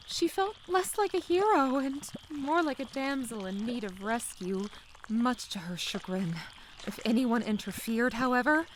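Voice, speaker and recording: A woman narrates a comic dub in a scripted, dramatic style, her pitch fairly high. Slight background noise is present, and the backdrop features faint bubbling mud and gooey quicksand sounds.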